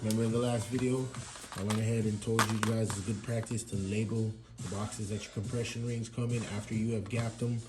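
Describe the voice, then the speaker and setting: A man's voice: on the low side, fairly quick, heavy background noise. Laid-back Jamaican man explaining mechanics. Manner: relaxed, chatty, many fillers and restarts. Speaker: mechanic demonstrating engine assembly. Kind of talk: casual how-to tutorial. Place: home garage workshop.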